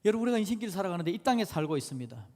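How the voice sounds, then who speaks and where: A male pastor preaching a sermon, animated, shifting between loud exclamations and quiet low asides. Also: rapid-fire. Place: church sanctuary. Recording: long church hall reverb.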